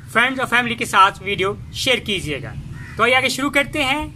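Male gardening host, high bright voice, halting delivery, faint outdoor hiss. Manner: halting, many fillers and restarts. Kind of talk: casual hands-on garden tutorial.

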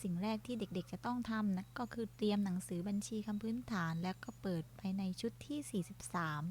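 A woman teacher from Thailand, slowly reading basic words aloud for young children, saying each word and then repeating it. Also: medium pitch, darkish tone, slight background noise. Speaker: primary school Thai teacher.

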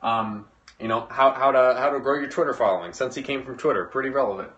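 A young man leads a casual livestream lesson from a whiteboard, his voice in a middling pitch. He talks with loose, slangy energy and slips into short acted-out exchanges. The sound comes from a phone camera set a little way off in an indoor room. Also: quick pace, highs cut off. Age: young adult. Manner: energetic, slangy, gesturing, acts out little dialogues. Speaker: livestream host teaching marketing. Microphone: phone camera at a distance.

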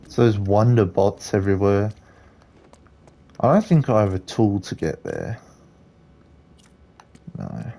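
A man's voice: lowish voice, sing-song, slow, creaky, pauses often, warm tone. A man giving casual gameplay commentary, muttering to himself as he plays. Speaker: gamer commentator. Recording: faint game ambience behind.

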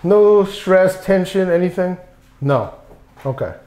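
A man's voice: sits high, animated, slow pace, dark tone. A middle-aged male chiropractor chatting and joking with a patient while he works, reassuring and playful. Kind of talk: casual chat during treatment. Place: small clinic treatment room, indoors. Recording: echoey tiled room.

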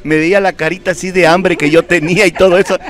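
A man's voice: sits high, steady tone, fast, crowd noise. A man reporting live at an outdoor town festival, chatting in a playful, easygoing way. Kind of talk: live on-the-street chat. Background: live folk music.

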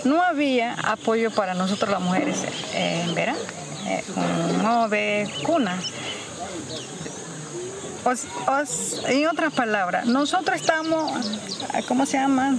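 A woman's voice: on the high side, animated, creaky. Older woman leader, noisy field recording. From Panama. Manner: deliberate, halting, searches for words. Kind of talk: interview testimony.

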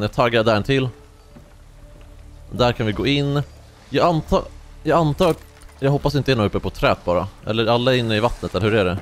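A young man giving casual let's-play commentary, chatty and slangy, telling stories excitably while he plays. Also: mid-range voice. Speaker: gaming YouTuber.

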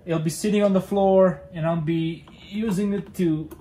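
A man's voice: sits high, fairly even intonation, normal speed, mellow, echoey room, a little hiss or hum. A young man hosting a casual how-to demonstration, talking hesitantly with many fillers and restarts while he works with his hands in a cluttered garage. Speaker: DIY car channel host.

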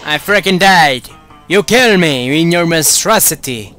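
A young man giving excitable let's-play commentary, yelling, taunting and cursing at enemies as he plays. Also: on the high side, unhurried, faint music behind. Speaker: gaming YouTuber.

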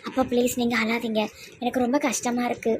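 A woman playing a gentle young adult daughter with a Tirunelveli Tamil accent, speaking softly and pleadingly. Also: on the high side, little pitch movement, a little fast, slight background noise, lightly acted. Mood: sad. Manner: soft, pleading.

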